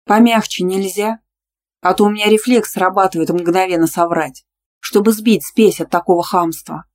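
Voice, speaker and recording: A cheeky young female student who banters back and bristles with indignation. A narrator reads her in an audiobook. Her lines sit a bit higher than the narration. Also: fairly even intonation, normal speed, close to an everyday voice. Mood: indignant. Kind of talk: audiobook dialogue reading.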